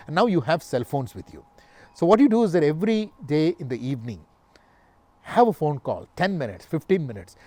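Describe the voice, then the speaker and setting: A man's voice: fairly high pitch, a little mellow, dry recording. A man in his fifties with a South Indian Malayali accent, giving informal advice to camera in a conversational, explanatory way, rephrasing as he goes. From Calicut, Kerala, South India. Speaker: language coach giving tips. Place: backyard patio, outdoors. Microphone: lapel mic.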